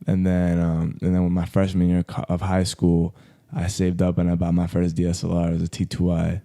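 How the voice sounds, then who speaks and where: In a podcast studio, a young photographer from Colombia who grew up in South Florida chats as a guest in a casual interview. His low, mellow voice moves briskly with a totally flat delivery, and he's laid-back and slangy, leaning constantly on "like."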